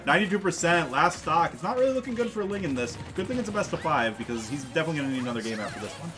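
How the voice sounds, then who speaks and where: A man's voice: fairly high pitch, very animated, racing. A man co-commentating gaming matches in a casual, teasing manner. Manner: teasing, laughs often. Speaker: esports co-commentator.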